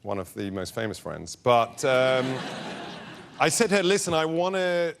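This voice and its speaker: A man's voice: medium pitch, unhurried, gravelly, background noise. An English man, a talk show guest, animatedly telling a comic anecdote and acting out what other people said. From England. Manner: animated storyteller who acts out other people's lines.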